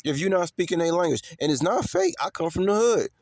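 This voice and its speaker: This man's voice sits high and sing-song, with a darkish tone, as he talks fast in a studio-quality recording with no room sound. A vlogger from Chicago, he addresses viewers off the cuff, emphatic, repetitive, and heavy on street slang and swearing.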